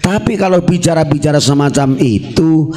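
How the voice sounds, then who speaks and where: A man with an Indonesian accent preaching a fiery sermon to a crowd, shouting and asking the listeners for agreement. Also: moderate pace, soft background music. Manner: shouting, swinging between soaring and low, asking the crowd "Betul?".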